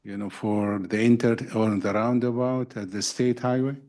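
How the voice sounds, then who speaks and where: A man puts questions at a committee meeting. His voice is fairly low, and he talks informally with frequent filler tags between phrases. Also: fairly even intonation, normal speed, a little mellow. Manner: frequently adds "you know".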